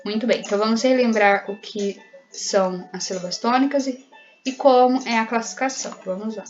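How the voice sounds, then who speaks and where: A woman's voice: a little high, brisk, lo-fi sound, soft background music. A woman with a Brazilian Portuguese accent, a primary school teacher taking her pupils patiently through exercises step by step. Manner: patient, explains step by step and often checks in with "né?" and "certo?". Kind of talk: recorded remote lesson, correcting exercises.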